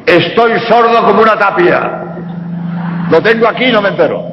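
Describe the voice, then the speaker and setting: Spanish-accented priest man, high animated voice, dull lo-fi hall recording. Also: moderate pace, noisy background. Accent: Spanish (Spain). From Spain. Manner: emphatic, rhetorical questions, blunt. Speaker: priest answering audience questions. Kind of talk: public lecture Q&A. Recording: reverberant hall, dull lo-fi sound.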